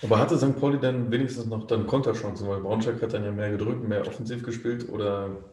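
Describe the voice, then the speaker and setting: A man's voice: lowish voice, steady tone, fast talker, mellow. A man co-hosting a football podcast, putting teasing, wry questions to the others. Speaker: podcast co-host asking questions. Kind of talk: casual match discussion. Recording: roomy echo.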